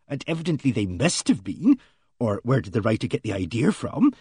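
A man voicing a simpering, gossipy middle-aged female office clerk, speaking slowly in a breathy, sibilant way. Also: on the high side, darkish tone, no echo, clean studio sound.

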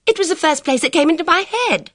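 Woman reader doing a jittery young girl, pitched way up and loud, close dry sound. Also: fast talker, no echo. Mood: agitated. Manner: breathless, high and agitated. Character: anxious excitable young woman on the phone. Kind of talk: audiobook character reading.

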